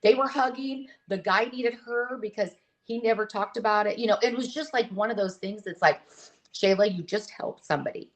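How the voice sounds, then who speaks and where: A middle-aged woman, a guest in an interview, talking openly and earnestly, often pausing and restarting her sentences. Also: a little high, low-quality recording. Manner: earnest, open, halting with restarts. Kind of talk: candid conversational interview.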